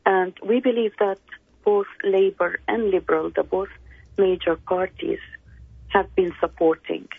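An older woman from the Palestinian diaspora, a candidate speaking slowly and haltingly in a radio interview over the phone. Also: mid-range voice, steady tone, creaky, slightly rough, no echo. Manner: slow, halting, many pauses and fillers. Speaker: political candidate guest. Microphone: phone call. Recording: tinny phone line.

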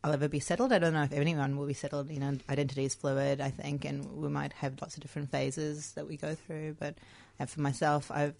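A low-pitched Australian woman talks in a relaxed radio studio chat. She is reflective and hesitant, filling pauses with ums and likes, and often laughs as she talks. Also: vocal fry. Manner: reflective, hesitant, many fillers, laughs easily. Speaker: radio co-host.

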